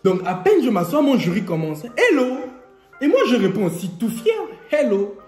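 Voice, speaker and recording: High-voiced young man telling a funny story. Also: fast talker. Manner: lively, joking storyteller who laughs often. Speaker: vlogger. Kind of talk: storytime vlog. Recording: echoey room, faint music.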